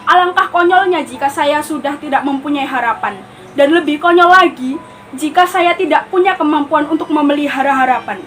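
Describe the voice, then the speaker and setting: A woman's voice: sits high, brisk, a bit bright, faint music behind, poor audio. Teen girl playing a paranoid jailed prisoner. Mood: pleading. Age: teens. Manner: scolding, swinging from pleading to threatening. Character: lonely jailed civilian prisoner, paranoid and bossy. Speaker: student performing a monologue. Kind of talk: theatrical monologue.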